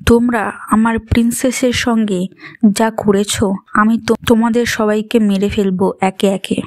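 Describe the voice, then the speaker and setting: A woman voicing a furious, possessive young king who shouts orders and turns cold and harsh. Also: fairly high pitch, little pitch movement, normal speed, no room sound, lightly acted. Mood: angry.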